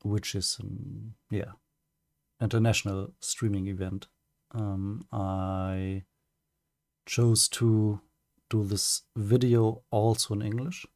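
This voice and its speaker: A German man, speaking with the accent of his native tongue, reads a prepared personal statement as a streamer, cautious and hesitant, with frequent pauses and restarts. His voice sits on the low side with a flat, creaky delivery and a darkish tone. The recording is dry and of studio quality.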